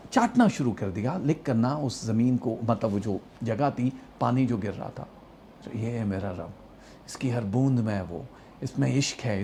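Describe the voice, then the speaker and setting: Storyteller, male, mellow tone, acts out quoted dialogue, faint room hiss. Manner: animated storyteller, acts out quoted dialogue, rising emotional pitch. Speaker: actor and astrologer telling a personal story. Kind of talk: storytelling monologue.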